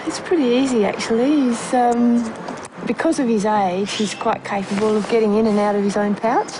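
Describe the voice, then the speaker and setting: A woman's voice: fairly high pitch, normal speed, noisy background. Plainspoken woman animal rescuer. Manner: relaxed, plainspoken, many ums and uhs. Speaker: animal rescue centre founder. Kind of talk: casual explaining in interview. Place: wildlife rescue farm. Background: background music.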